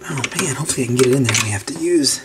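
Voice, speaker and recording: Talking rapid-fire in a medium-pitched voice, a man hosting a repair channel walks through a fix informally, thinking aloud as he works. The cluttered indoor workbench setting carries steady, clear background noise and clicks.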